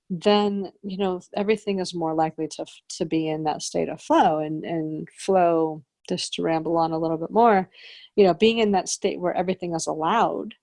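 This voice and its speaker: A woman with a fairly low voice hosts a conversational podcast. She rambles and restarts as she searches for words. The sound is dry and close. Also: a little mellow, no room sound. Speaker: podcast co-host. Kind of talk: casual spiritual conversation.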